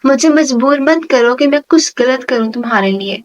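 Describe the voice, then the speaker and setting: A woman's voice: high voice, expressive, dull audio. A woman reading the lines of a possessive, hot-tempered young man in love, pleading and harsh by turns. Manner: pleading then harsh, obsessive.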